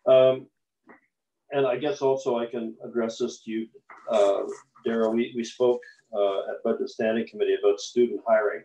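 A city councillor on a council video call asks questions full of fillers and restarts. His mid-range voice is warm and steady at normal speed, and the call audio is echoey, distant, and lo-fi.

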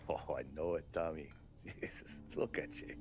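An actor playing a tough-talking 1930s police detective who needles a witness in street slang. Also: male voice, rumbling low, flat delivery, moderate pace, gravelly. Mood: wry, needling. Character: gruff 1930s male police detective interrogating. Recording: game audio with loud score.

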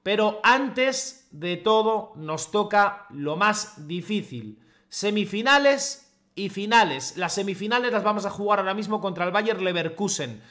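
A young man, commentating his own football video game match in the style of a TV commentator and bursting into long shouted goal calls. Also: high-pitched, animated, unhurried. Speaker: gaming youtuber playing a football career mode. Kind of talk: excited self-commentary while gaming.

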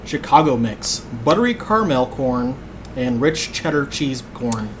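A man's voice: mid-range voice, sing-song, measured pace. A young man from England co-hosting a casual snack-tasting chat, laid-back, reading labels aloud and chuckling often. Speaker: co-host. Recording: noisy home stream recording.

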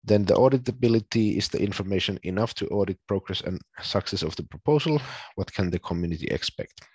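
A man from Finland presents over a video call, pausing often and filling gaps with ums. His voice sits very low and husky. The sound is dry and close. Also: animated, darkish tone, no room sound. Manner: explains plainly with frequent ums and pauses. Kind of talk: casual online presentation.

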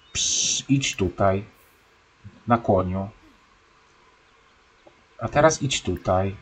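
A man's voice: medium pitch, slightly rough. A young man giving casual, sarcastic commentary while playing a life-simulation game, scolding his stubborn horse. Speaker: let's-play gamer.

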